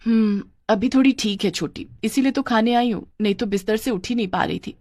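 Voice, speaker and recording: A woman's voice: on the high side, fairly quick, a little mellow, no room sound. A woman doing a whiny, scheming young wife.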